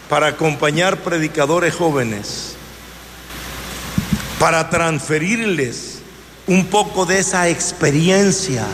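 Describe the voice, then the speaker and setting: A man in his seventies preaching a sermon in a slow, emphatic way, with rising exclamations. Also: sits high, a bit bright. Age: 70s. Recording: hall reverb with faint noise.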